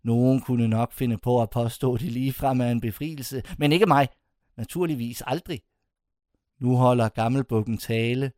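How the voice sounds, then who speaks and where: A man narrating a first-person literary story with lively expression, his voice rising sharply whenever the narrator grows indignant. His pitch sits in a middle range for a man. The recording is close and dry, with no room sound. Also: dry recording. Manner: expressive, voice climbs high when indignant.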